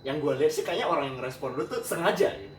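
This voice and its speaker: A man's voice: on the high side, rapid-fire, a crowd in the background. A man with a Jakarta Indonesian accent hosting a casual group chat. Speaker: host. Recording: echoey room, distant mic, clear noise.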